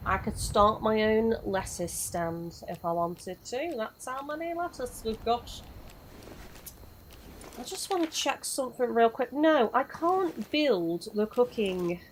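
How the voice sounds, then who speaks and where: During a live game stream, a young woman rambles and talks with viewers, greeting them as she plays, her voice still rough from losing it recently. Her fairly high voice moves slowly, and the recording is rough with slight background noise.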